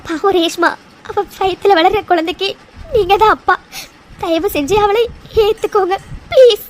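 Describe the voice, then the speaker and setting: A woman voicing a gentle, coaxing young woman. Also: extremely high pitch, normal speed. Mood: pleading. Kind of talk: cartoon voice acting.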